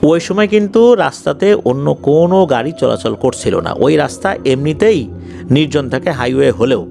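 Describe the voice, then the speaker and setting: A man with a Bangladeshi accent tells paranormal stories as a horror narrator, in a conversational, suspenseful style, explaining and repeating details along the way. His voice is fairly high, very animated, and mellow, with vocal fry and a normal pace. Faint music plays behind him.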